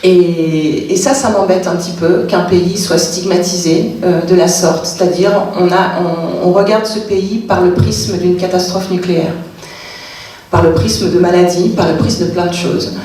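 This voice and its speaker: A woman's voice: on the low side, steady tone, moderate pace, dark tone. A woman author speaking at a public literary talk, hesitant, with many fillers and restarts. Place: cultural centre hall. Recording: echoey hall from far off.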